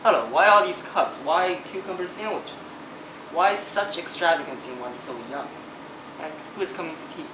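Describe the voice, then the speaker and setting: A young man in his teens acting a breezy, lovestruck gentleman in an amateur play, with formal, exclamatory delivery. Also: on the high side, lively intonation, normal speed, natural voice. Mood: eager. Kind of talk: amateur stage-play acting for a student project. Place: large living room, indoors. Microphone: camera a few metres away. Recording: echoey, noisy room from camera distance.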